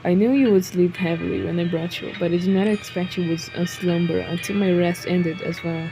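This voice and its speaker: A woman's voice: medium pitch, a little slow, music in the background, close to an everyday voice, poor audio. A woman voicing a cheerful, teasing male vampire lord in a game, speaking in a polite, courtly way. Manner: polite, teasing, stumbles over names.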